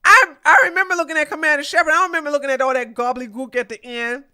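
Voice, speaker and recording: A livestream host talks very fast with fairly even intonation as she chats casually with her viewers and reads their messages. She greets them with loud, high exclamations and keeps laughing as she teases her chat.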